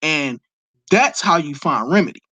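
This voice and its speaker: In a casual, unscripted live stream, a Detroit man with a fairly high voice answers viewer questions, lecturing with emphasis and the occasional swear word. His intonation is lively, his pace moderate, and his tone pushed and bright in a dry, close recording.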